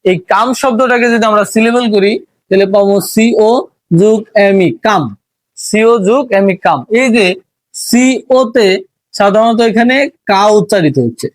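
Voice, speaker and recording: High-voiced man teaching pronunciation, patient. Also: no room sound. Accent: Bangladeshi Bengali. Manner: patient, repetitive explaining with rhetorical questions. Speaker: English teacher. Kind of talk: spoken language lesson.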